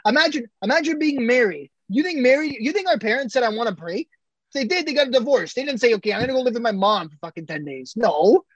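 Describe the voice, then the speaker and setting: A man's voice: extremely high pitch, expressive, fast talker, a bit bright, breathy edge, dry recording, dull audio. A man in his twenties co-hosting a podcast, arguing his point emphatically and repeating himself. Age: 20s. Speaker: podcast co-host. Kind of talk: casual chat.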